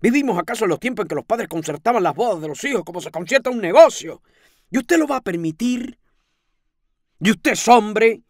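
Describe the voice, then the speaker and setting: A man voicing a loud, bossy, meddling older landlady in an audiobook reading, firing scolding questions in sharp outbursts. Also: high-pitched, lively intonation, racing, few pauses, no echo, clean studio sound.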